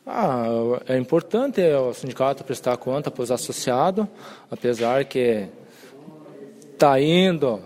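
A man's voice: medium pitch, animated, slow pace, darkish tone. A man, a rural union member, giving plain-spoken, rallying interview answers. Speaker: rural union member, former fiscal council member.

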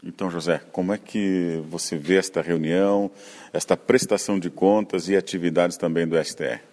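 Deep guy hosting a farm radio show, chatty interview questions. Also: fairly even intonation, normal speed, darkish tone. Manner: conversational, leading questions. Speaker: rural radio program host.

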